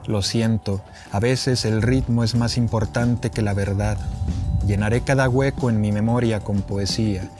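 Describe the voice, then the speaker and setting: Music plays in the background as a young Chihuahua-born poet introduces and performs his own verse on a wooden-furnished open patio. He speaks in a northern Mexican accent, his fairly low voice measured in pace and fairly even in intonation.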